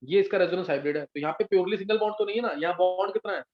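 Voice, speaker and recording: A man's voice: high voice, racing. A man teaching chemistry in a live class, patiently explaining step by step and often checking whether his students follow. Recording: dull lo-fi sound.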